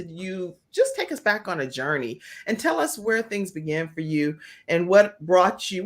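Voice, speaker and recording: Upbeat woman hosting a live show. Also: fairly low pitch. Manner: upbeat, encouraging interviewer. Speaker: show host.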